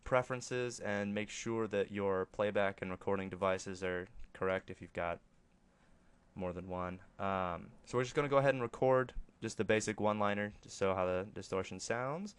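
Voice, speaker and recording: Low-voiced man giving a casual tutorial. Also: moderate pace, smooth. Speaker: tutorial presenter. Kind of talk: casual screen-recorded software tutorial. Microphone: close microphone, voice-over for screen capture.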